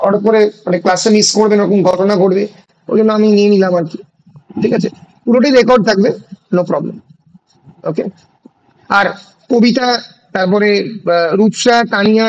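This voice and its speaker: A male college English teacher with a Bengali accent, lecturing an online class and dictating exam questions in slow English phrases between Bengali explanations. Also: high-pitched, darkish tone, muffled recording. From India.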